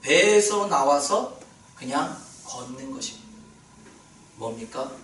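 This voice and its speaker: A male pastor preaching a sermon in a prayer retreat hall, animated and questioning his congregation, heard from a distance. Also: fairly high pitch, slow.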